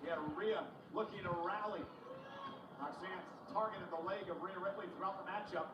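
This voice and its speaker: A man giving excitable, dramatic play-by-play as a wrestling commentator. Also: sits high, normal speed, muffled recording. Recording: echoey, distant, very noisy pickup.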